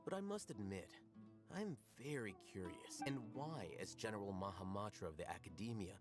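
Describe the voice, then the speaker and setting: An actor voicing an aloof, sharp-witted male scholar in a video game, speaking in a measured, dry, unhurried way. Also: lowish voice, expressive, over music, natural voice. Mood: cool.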